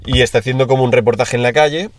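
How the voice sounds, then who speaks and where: A man's voice: mid-range voice, very fast, soft background music. Young man telling stories. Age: young adult. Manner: slangy, animated storytelling with put-on quotes. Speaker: podcast co-host. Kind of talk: casual chat.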